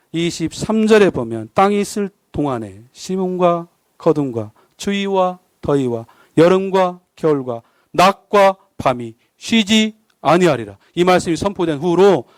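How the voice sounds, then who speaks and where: High, lively male preacher. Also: no echo. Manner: lively, jokey, keeps asking the congregation questions. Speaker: guest pastor. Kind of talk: sermon. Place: church service.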